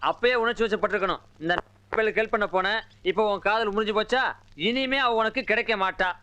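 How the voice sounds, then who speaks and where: A man's voice: high voice, quick pace, sharp tone, clean tone, highs cut off. An actor playing a cowardly village sidekick who mocks his friend and begs not to be beaten. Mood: sarcastic. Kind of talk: film comedy acting.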